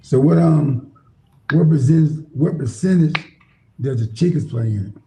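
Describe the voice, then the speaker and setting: A man's voice: a little high, moderate pace, vocal fry, mellow, low-quality recording. A man in a casual chat who mostly chimes in with short agreeing replies.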